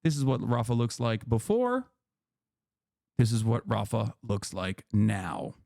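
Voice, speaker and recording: A man's voice: fairly low pitch, expressive, measured pace, vocal fry. A man in his thirties hosting a stream, explaining politics to a guest in a heated, profane way and pushing his voice up hard for emphasis. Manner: impassioned, profane, rising to near-shouting emphasis. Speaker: streamer host.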